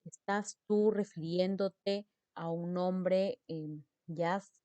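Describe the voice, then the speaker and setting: A woman's voice: fairly low pitch, steady tone, slow pace, mellow, dry recording. A woman teacher explains mark rules, repeating example words and checking in with her students. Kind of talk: spelling lesson on accent marks.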